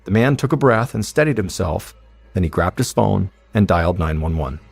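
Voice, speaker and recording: A man hosting a podcast, telling a true-crime story in measured, suspenseful scripted narration. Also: deep voice, creaky, husky, no echo, soft background music. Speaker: podcast host.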